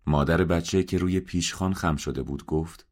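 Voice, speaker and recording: A man reading a story aloud in a measured, subdued narration. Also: sits low, fairly even intonation, a little mellow. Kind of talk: scripted audiobook narration.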